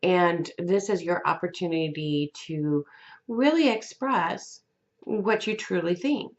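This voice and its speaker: A woman giving a weekly tarot reading in a gentle, unhurried way, with fillers and restarts. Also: lowish voice, expressive, dull audio. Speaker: tarot reader.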